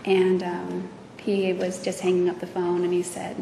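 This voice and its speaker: A woman's voice: fairly low pitch, completely flat delivery, vocal fry, warm tone. Hesitant woman in a courtroom recording. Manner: hesitant, many pauses and fillers. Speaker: witness testifying. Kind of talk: courtroom testimony. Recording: echoey courtroom audio from far off with noise.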